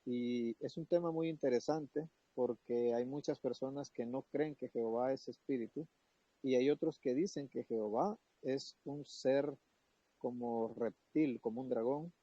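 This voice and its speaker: A man from El Salvador, giving an earnest, halting opening statement in a debate. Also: mid-range voice, warm tone, no echo. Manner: earnest, hesitant fillers. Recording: dry, muffled lo-fi online audio.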